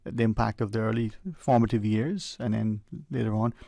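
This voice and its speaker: A man's voice: on the low side, flat delivery, moderate pace, gravelly, dark tone, no echo, clean studio sound. A man hosting a radio call-in show in a conversational way.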